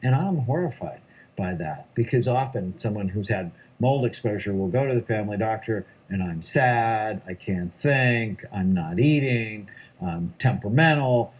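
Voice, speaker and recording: He's a middle-aged psychiatrist giving emphatic interview answers, regularly punctuated by short lists. The voice is fairly low, expressive, and slightly rough, delivered at a normal speed.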